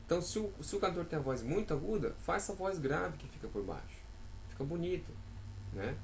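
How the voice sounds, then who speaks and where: A man's voice: a little high, sing-song, a little fast, vocal fry, a little mellow, a little hiss or hum, low-quality recording. Chatty Brazilian man teaching singing. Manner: chatty and encouraging, sings out sample notes. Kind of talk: casual vocal lesson.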